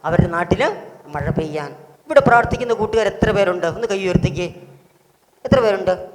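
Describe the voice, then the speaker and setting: A pastor hosting a children's Bible school, telling a story and quizzing the children with animated, rising questions. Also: male voice, high voice, normal speed. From Kerala, India. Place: auditorium. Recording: echoey hall with faint noise.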